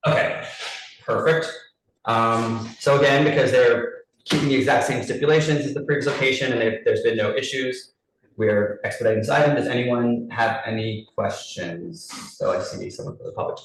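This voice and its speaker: A man chairing a public committee meeting over a group video call, briskly reading out license terms and calling a vote. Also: medium pitch. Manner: brisk, businesslike, reads lists with small restarts. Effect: heard over a group video call. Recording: very roomy echo from a distant mic, faint noise.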